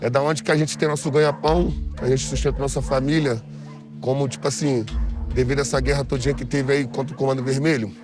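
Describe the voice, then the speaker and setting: A man's voice: mid-range voice, steady tone. A man, his voice electronically altered to hide his identity, answering interview questions bluntly. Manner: blunt, matter-of-fact, talks fast. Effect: electronically altered voice to disguise identity. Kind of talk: casual interview. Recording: music playing under the voice.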